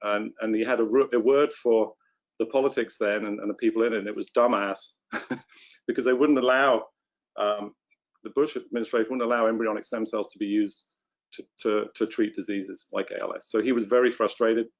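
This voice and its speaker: A man with a British accent, a scientist guest, answering questions in a relaxed, anecdotal way. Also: on the low side, fairly quick, dull audio. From England. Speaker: stem cell scientist guest. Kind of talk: conversational interview answer.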